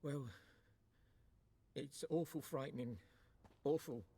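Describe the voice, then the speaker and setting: An actor playing a worried peasant father in a video game, speaking in rustic dialect and pleading for help with a husky voice. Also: mid-range voice, slow pace, dark tone, slight background noise.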